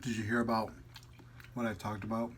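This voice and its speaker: A food vlogger chats casually and playfully during a mukbang, rambling a little as he eats. His voice is on the low side and fairly bright, with a flat delivery and a brisk pace. There is slight background noise.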